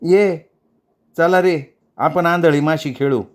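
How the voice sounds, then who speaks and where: A man's voice: medium pitch, measured pace, darkish tone, lightly acted. A man voicing a friendly, eager well-off village boy in a storytelling reading, speaking in an easy, coaxing way.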